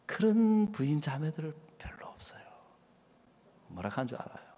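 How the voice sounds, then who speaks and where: A man preaching as a pastor, telling a story with animated delivery and voicing the people in it. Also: fairly high pitch, moderate pace, husky. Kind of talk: sermon with acted-out anecdote. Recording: church hall reverb.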